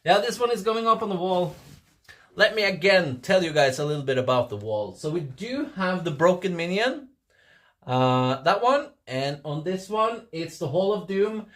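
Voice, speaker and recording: Very animated and high-pitched, a Norwegian-accented man in his forties talks at a normal pace in a slightly bright voice. He is a livestream host chatting casually with viewers, rambling with many restarts and bursts of laughter.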